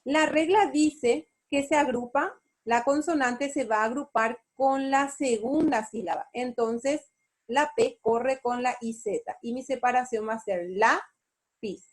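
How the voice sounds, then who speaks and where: Slow high-voiced woman teaching spelling. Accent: Paraguayan Spanish. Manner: slow, explanatory, asks rhetorical check questions. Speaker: university teacher. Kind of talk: online spelling lesson.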